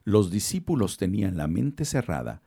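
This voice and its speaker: A man narrating a Bible story in a measured, expressive scripted reading. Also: deep voice, creaky, husky.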